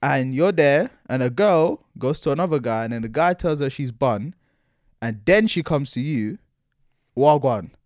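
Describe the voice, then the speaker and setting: A young man with a London roadman accent, debating casually in animated, argumentative slang. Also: medium pitch, moderate pace, dry recording, studio quality. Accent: London, multicultural urban roadman slang.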